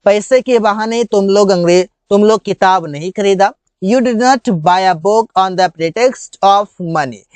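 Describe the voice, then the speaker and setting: A man teaching vocabulary, explaining in Hindi and saying each example sentence slowly and deliberately. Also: sits high, a little mellow, smooth, no echo. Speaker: English teacher. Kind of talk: bilingual vocabulary lesson.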